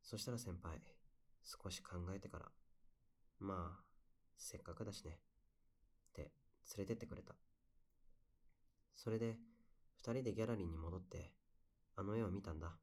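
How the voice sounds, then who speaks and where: Voiced by a male actor, a low-pitched young man tells his memories in a bedside audio drama, his mood wistful and tender. He speaks softly at a normal pace, pausing often, as if confiding in one close listener.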